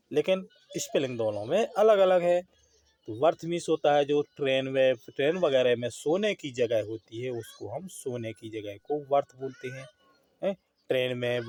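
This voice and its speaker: A male English teacher giving a grammar lesson. He spells words out letter by letter, asks himself questions and answers them, and keeps checking in with a quick "hain?". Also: medium pitch, darkish tone, no room sound. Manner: ends phrases with a checking "हैं?".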